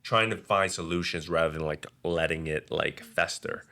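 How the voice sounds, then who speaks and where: A man in a candid group conversation, talking haltingly and searching for his words. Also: sits low, steady tone, pushed and bright.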